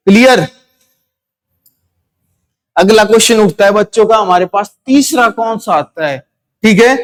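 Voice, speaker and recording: A man teaching a Hindi grammar lesson, asking questions and answering them himself, repeating key words for his students. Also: high voice.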